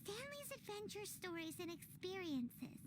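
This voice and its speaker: A woman voicing a small, cheeky, excitable fairy girl companion in a video game. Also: extremely high pitch, unhurried, noisy background, exaggerated voice. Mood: consoling.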